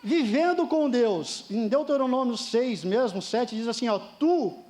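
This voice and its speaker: A man's voice: very high voice, measured pace, a little mellow. A middle-aged Brazilian man preaching a sermon at a church service, emphatic, often calling his listeners dear ones. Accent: Brazilian Portuguese. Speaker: pastor.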